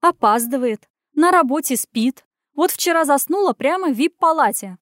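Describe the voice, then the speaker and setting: A woman reading a story voices a domineering, scheming middle-aged head nurse who scolds in a shrill, rapid, indignant manner. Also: lively intonation, no room sound, clean studio sound, natural voice.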